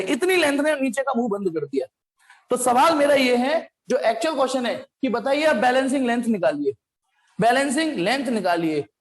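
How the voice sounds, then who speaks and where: A man teaching a physics class, repeating key phrases and coaxing his students, whom he calls "beta". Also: very high voice. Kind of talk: classroom lecture at a whiteboard. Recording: echoey classroom with long reverb.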